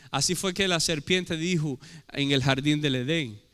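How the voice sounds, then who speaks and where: Slightly high and a little slow, the pastor's voice sounds a bit bright and clean. His Spanish carries a Portuguese flavor as he delivers an emphatic, question-filled sermon in a reverberant hall.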